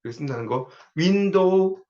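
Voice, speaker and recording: A man's voice: sits high, animated, normal speed, warm tone, dull audio. A man giving a recorded spelling lecture in a conversational way, repeating words over and over to drill them.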